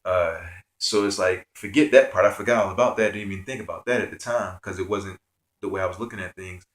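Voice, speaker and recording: A man's voice: low-pitched, steady tone, quick pace, reverberant. A man telling a personal spiritual story in an earnest, rambling way, with many fillers. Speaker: spiritual vlogger.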